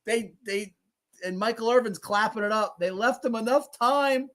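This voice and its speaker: A man hosting a live sports talk show, calling plays and teasing his co-host, bursting into shouts and laughter. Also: high voice, normal speed. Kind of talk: live game-watch commentary chat.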